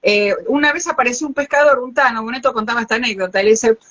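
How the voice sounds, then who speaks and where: Talking fast in a voice on the high side, an older biologist from Argentina hosts a casual live interview over video call in Rioplatense Spanish, with lo-fi sound. She spins animated stories with many restarts.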